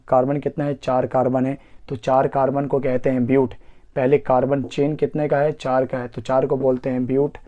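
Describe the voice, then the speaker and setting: A man's voice: mid-range voice, dark tone, highs cut off. A man teaching a chemistry exam-prep lesson, asking himself questions and counting carbons aloud step by step. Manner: asks rhetorical questions and answers them himself.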